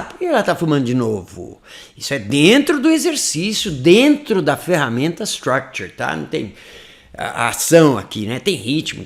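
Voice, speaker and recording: Brazilian guy teaching english live, gravelly voice, slightly high. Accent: Brazilian Portuguese. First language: Portuguese. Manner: demonstrates English phrases in a whisper between explanations. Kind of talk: live online class.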